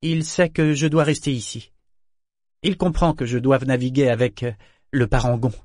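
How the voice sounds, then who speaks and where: A man voicing a strong-willed, quick-tempered young woman in an audiobook, speaking in a sharp, indignant way. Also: medium pitch, fairly even intonation, no echo, clean studio sound, lightly acted. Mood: irritated. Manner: sharp, raised, indignant delivery. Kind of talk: audiobook character voice.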